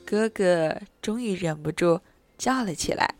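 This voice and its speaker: A woman storyteller reading a children's storybook aloud in an expressive, deliberate manner. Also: on the low side, no room sound, faint music behind.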